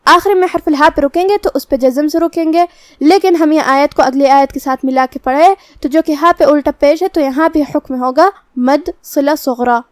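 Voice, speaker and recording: High-voiced woman teaching recitation. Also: no room sound. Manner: calm, methodical explanation, with slow drawn-out recitation of verses. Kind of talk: tajweed lesson, explaining rules.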